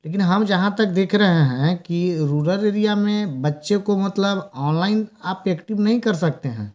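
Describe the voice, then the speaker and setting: A man's voice: high-pitched, moderate pace, a little mellow. A man from Bihar, a parent on a phone call, hesitant and repeating his words as he objects. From Bihar, India. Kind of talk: phone conversation.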